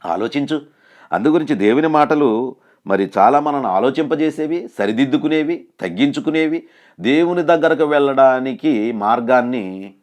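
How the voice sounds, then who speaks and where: A man preaches a sermon. He swings from loud, raised scripture quotes down to hushed, pleading asides, and keeps putting direct questions to his listeners. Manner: rises loud for quoted scripture and drops to a low hush for pleas.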